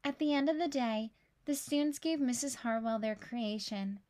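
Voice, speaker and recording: Here a woman reads a picture book for children with expressive storytelling. Her pitch is fairly high and her pace is normal.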